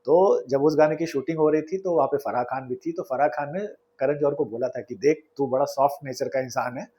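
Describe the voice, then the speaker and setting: A man's voice: medium pitch, fairly quick, mellow. A man telling behind-the-scenes film stories in a chatty, conversational way, retelling anecdotes with quoted dialogue and occasional hesitations. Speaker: storyteller host. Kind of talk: conversational storytelling.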